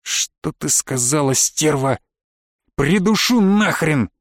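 An angry, defiant young hero, as a man reads him who hisses and shouts his insults. The voice sits a little high for a man and is recorded close and dry, with no room around it. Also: lively intonation, moderate pace, dry recording. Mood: angry defiance.

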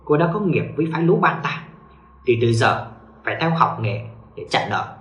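A man voicing a stern, commanding old master who lectures calmly in a ghost story, with a lively voice in an echoey room. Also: on the high side, moderate pace. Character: stern old male sword-wielding master.

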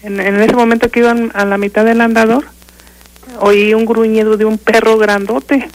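An older woman with a Mexican accent, calling in to a radio show and haltingly telling a ghost story, full of fillers and restarts. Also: a little high, flat delivery, poor audio. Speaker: caller.

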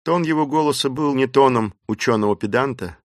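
A man narrating an adventure novel as an audiobook in a steady, expressive storytelling voice. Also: medium pitch, brisk, no room sound, studio quality.

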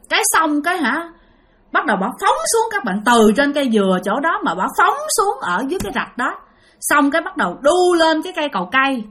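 Chatty woman storyteller, high and animated, talks straight to her listeners. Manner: chatty, addresses listeners directly. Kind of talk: spoken ghost story.

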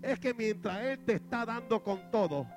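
A man preaching a fiery Pentecostal sermon, acting out a boxing match and shouting praise to the congregation. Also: high-pitched, animated, moderate pace. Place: church sanctuary. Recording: church service with music behind. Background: band music.

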